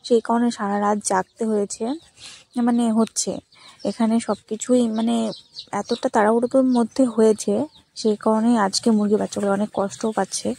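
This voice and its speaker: A woman chatting casually on a late-night vlog, keeping her voice low so as not to wake the house, her throat a bit strained from the cold. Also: flat delivery, fairly quick, creaky, warm tone, slightly rough. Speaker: vlogger tending chickens at night. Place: rural home at night, kitchen and chicken shed. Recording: noisy night with clucking chickens.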